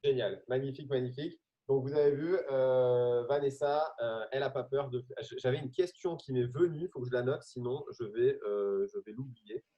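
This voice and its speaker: A man's voice: mid-range voice, moderate pace, few pauses, dark tone, muffled recording. A man hosting a training session on a video call, talking casually with many hesitations and jokes. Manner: hesitant, many fillers, jokey. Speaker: host.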